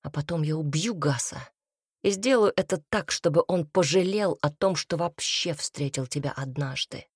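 A woman's voice: fairly low pitch, moderate pace, darkish tone, dry recording, studio quality. A woman reading the part of a fiery, defiant young man in a storybook, speaking with vehemence and bitterness. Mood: fierce defiance. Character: young man, hot-tempered, defiant, devoted lover.

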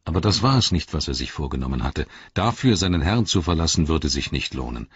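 A man reads an audiobook in a slow, sombre, measured way, his low voice very husky. The recording is dry and dull, with no room around it. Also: expressive, dry recording. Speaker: audiobook narrator. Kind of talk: scripted narration.

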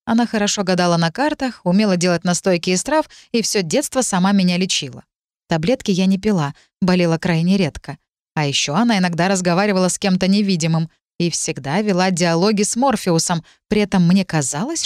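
Measured woman narrating a story. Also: on the low side, animated, a little mellow, no room sound, studio quality. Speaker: audiobook narrator. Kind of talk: first-person scripted narration.

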